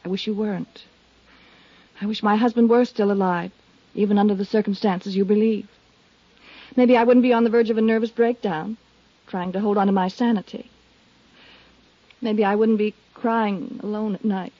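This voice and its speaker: An actress playing a guarded, defensive widow in an old radio drama, speaking in a cool, controlled way. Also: female voice, medium pitch, steady tone, moderate pace, long pauses, dry recording, lightly acted. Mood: wounded. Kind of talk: 1950s radio drama acting. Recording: dull lo-fi old radio broadcast.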